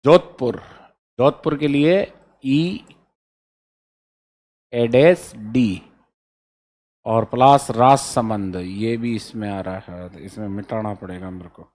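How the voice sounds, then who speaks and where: Speaking slowly with frequent pauses, this exam-prep instructor walks his class through memory codes letter by letter. His medium-pitched, darkish voice keeps returning to the students to check on them and restate the main points.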